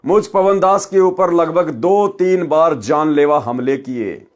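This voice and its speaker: A man's voice: on the high side, slow pace. A man reading scripture and preaching. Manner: addresses listeners as brothers and sisters. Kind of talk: scripture reading with sermon commentary.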